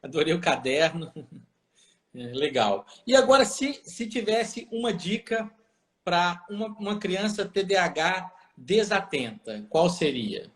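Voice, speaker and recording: A man from Brazil, a doctor, chatting casually and enthusiastically, asking quick questions. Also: high voice, animated. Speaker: neuropediatrician guest. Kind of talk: casual conversation.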